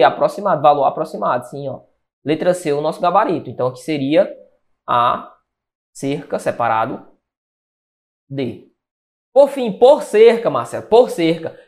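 A man from Brazil, teaching Portuguese grammar for an exam and checking in with quick questions. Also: high voice. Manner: energetic, with catchphrases and question-answer checks. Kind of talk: exam-prep lesson.

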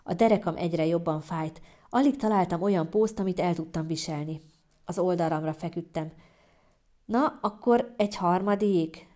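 A woman's voice: fairly low pitch, dark tone. A woman narrating a humorous first-person story as an audiobook.

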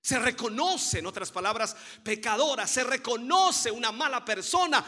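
A man's voice: extremely high pitch, animated, moderate pace, pushed and bright. A man preaching a sermon with fervent, emphatic delivery, building repeated phrases and calling listeners dear brother. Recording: long hall reverb.

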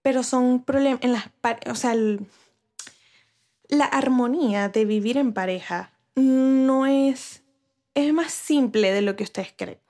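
A woman's voice: on the high side, unhurried, a little mellow. A woman vlogger talking casually to camera, giving relationship advice with rhetorical questions and frequent restarts. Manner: chatty, asks viewers rhetorical questions.

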